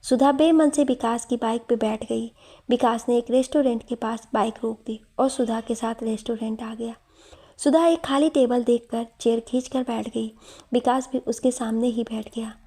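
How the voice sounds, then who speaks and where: A woman narrating an emotional romantic story in a steady, emotive storytelling manner. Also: fairly high pitch, moderate pace.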